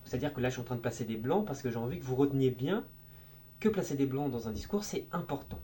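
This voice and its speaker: A man explaining public speaking tips in a casual explainer video, lively and informal, sometimes slipping into crude slang and demonstrating different tones as he goes. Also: mid-range voice, fast, a little hiss or hum.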